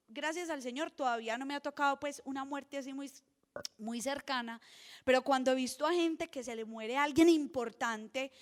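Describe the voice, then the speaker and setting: Young woman preaching a sermon, high voice, earnest, goes soft then punchy. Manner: earnest, shifts between soft and emphatic.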